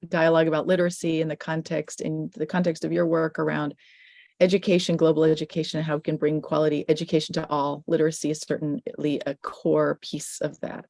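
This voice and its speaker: A woman's voice: low-pitched, gravelly, a little mellow, no echo, studio quality. A middle-aged woman, a filmmaker answering questions in an online panel, speaking thoughtfully and restarting phrases. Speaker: guest filmmaker.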